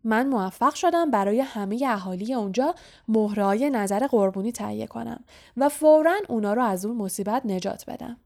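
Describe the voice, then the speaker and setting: A woman's voice: a little high, animated, darkish tone. Woman doing a smug, bragging vain wizard. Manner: self-satisfied, bragging. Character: boastful vain male wizard.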